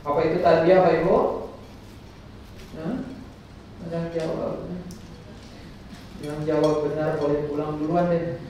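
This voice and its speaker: A man with a high voice speaks slowly to a group of pilgrims as their teacher, quizzing them, joking and leading chants. He sounds far from the mic in a big, heavily echoing room. The sound is dull and there is a clear hiss of noise underneath. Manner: lively, quizzes and jokes with the audience. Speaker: umrah guidance teacher. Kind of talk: religious instruction to a pilgrim group. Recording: echoey distant dull recording with noise.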